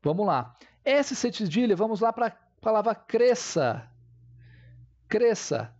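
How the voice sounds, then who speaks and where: Give me a male teacher with a mellow voice, patiently explaining a lesson on a muffled lo-fi recording. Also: sits high, very animated, takes it slowly. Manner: patient step-by-step explaining, often checking in with the viewers.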